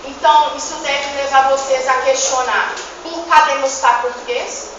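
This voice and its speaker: In a school presentation, a young female student takes on the role of a vain, wisecracking poet who died in the 1700s, scolding the class in a theatrical way. She sits high in pitch with fairly even intonation, a moderate pace and a natural voice, while the distant, echoey recording is dull and noisy.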